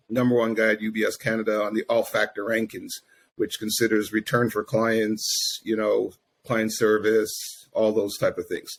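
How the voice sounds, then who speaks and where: A middle-aged man from Grenada with a lowish voice talks through his career at an easy pace. He fills his sentences with "you know" and "um" as he goes. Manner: easygoing, many fillers like "you know" and "um". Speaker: guest, investment firm founder. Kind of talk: casual interview talk.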